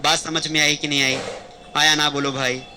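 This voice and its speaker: Man, grammar teacher, high voice, asks and answers his own questions, faint ambience. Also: little pitch movement, normal speed, sharp tone, a little hiss or hum, rough recording. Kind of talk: classroom-style video lesson. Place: warm teaching room in front of a camera.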